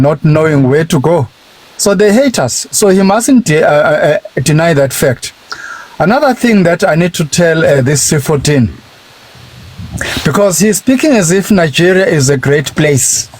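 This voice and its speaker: A man with a high voice argues insistently and scornfully. He often stalls on fillers and then pushes on. He sounds like a participant taking his turn in a live discussion. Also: darkish tone, no echo. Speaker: speaker in a live audio discussion. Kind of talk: heated argument.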